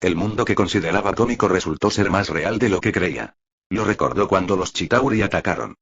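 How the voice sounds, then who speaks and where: Guy narrating a story, deep husky voice, kinda dull lofi sound. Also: expressive, fairly quick, fairly bright tone. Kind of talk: audiobook narration.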